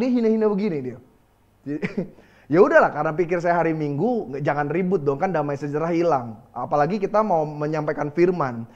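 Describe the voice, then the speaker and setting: A man's voice: high voice, highs cut off. A male pastor with an Indonesian accent preaching a sermon, telling stories and laughing as he goes. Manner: lively preaching with storytelling and laughter.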